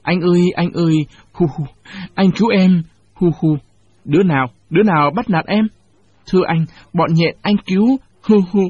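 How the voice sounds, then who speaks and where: A man voicing a small, weak, timid female insect who sobs and pleads, with a husky voice. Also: medium pitch, animated, moderate pace, no room sound. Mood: sobbing. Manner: sobbing, pleading. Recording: dull lo-fi recording.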